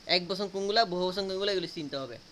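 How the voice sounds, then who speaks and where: A man's voice: sits high, fast, pushed and bright, a little hiss or hum. A man teaching a grammar lesson, asking students questions and repeating answers to drill them.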